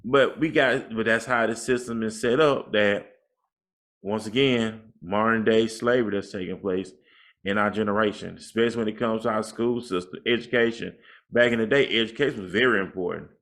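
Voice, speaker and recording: Low-voiced man giving street advice. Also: fairly even intonation, fairly quick, a bit bright. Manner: preachy, gives life advice and repeats "man". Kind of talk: casual podcast conversation.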